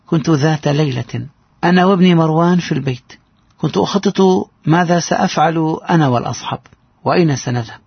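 A man's voice: on the high side, slightly rough, no room sound, lo-fi sound. A man narrating a heartfelt first-person story in an earnest voice.

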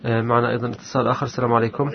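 Gravelly, rapid-fire male radio host. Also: mid-range voice, level tone, crowd noise. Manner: courteous, formal greetings. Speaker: radio host of a religious call-in programme. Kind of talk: formal broadcast presenting in Arabic with short replies to callers. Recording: slightly muffled radio broadcast.

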